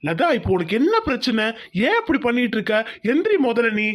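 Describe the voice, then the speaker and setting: A woman voicing a proud, stern village farmer father in a cartoon, demanding and slow to give in. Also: on the high side, very animated. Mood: defiant. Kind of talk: cartoon voice acting.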